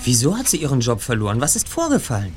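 An actor playing a clever teenage detective in a German radio drama, asking calm, coaxing questions. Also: male voice, mid-range voice, quick pace, slight background noise. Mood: inquiring. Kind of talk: German radio-play acting.

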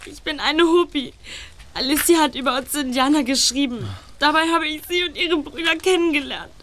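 An actress playing a shy, tearful young woman in a German radio drama, talking softly and hesitantly. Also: high voice, normal speed. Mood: pleading. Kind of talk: German radio-play acting.

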